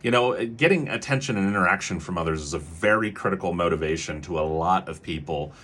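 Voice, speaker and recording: A man's voice: low voice, fast talker, fairly bright tone. A man, a child behavior clinician, explaining in an educational video, hedging with many fillers and briefly acting out what parents say.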